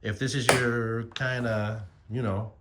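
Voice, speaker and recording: Amid very heavy noise, a fortysomething American man rambles to his phone as a motorcycle vlogger, speaking informally with lots of slang. His mid-range voice stays fairly even in intonation and moves slowly.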